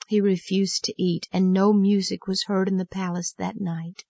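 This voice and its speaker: A woman narrating a Bible story for children in an earnest, gently emphatic storytelling manner. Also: mid-range voice, level tone, normal speed, gravelly, no echo. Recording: dull lo-fi, dry.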